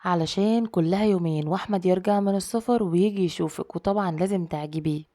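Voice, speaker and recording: A woman's voice: on the low side, fast talker, mellow, lightly acted. A woman with an Egyptian Arabic accent voicing an insistent, practical mother giving orders. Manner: insistent, bossy.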